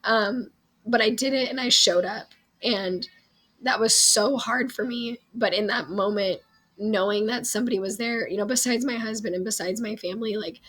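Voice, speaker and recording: A young adult woman with a hoarse, strained voice, telling a personal story to viewers in an earnest, candid, informal way. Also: medium pitch, normal speed, a bit bright. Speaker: vlog host.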